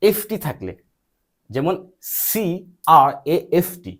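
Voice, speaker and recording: A man leads a patient one-to-one lesson, his voice rising and falling in a lively, animated way. He keeps checking understanding with short questions and spells words out letter by letter. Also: a little high, slow. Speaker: English teacher. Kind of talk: patient spoken lesson, quizzing a student.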